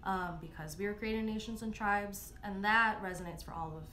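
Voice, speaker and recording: A woman's voice: medium pitch, moderate pace, pushed and bright, faint music behind. A young woman from Michigan talking casually as an interview guest, with frequent "like" and "you know" and easy laughter. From Southeast Michigan, USA. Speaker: guest, anti-racism educator. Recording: echoey room with faint noise.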